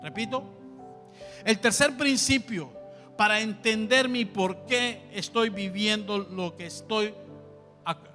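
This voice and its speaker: A man's voice: high voice, takes it slowly, pauses often, sharp tone, long reverb tail, soft background music. A man with a Honduran accent preaching a sermon as pastor, emphatic and repeating his key phrases.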